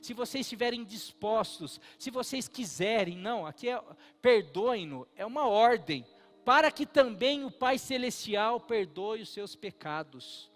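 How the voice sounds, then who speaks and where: A man's voice: high-pitched, lively intonation, unhurried, faint music behind. A middle-aged Brazilian man, a pastor, preaching an earnest and emphatic sermon at a church service. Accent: Brazilian Portuguese.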